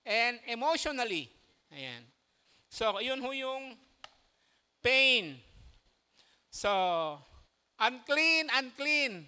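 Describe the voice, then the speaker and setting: A man's voice: very high-pitched, pushed and bright, smooth. A man with a Filipino accent preaching a sermon in church, mixing in English and chuckling between his phrases. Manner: switches between Tagalog and English, often says "ayan" and "okay".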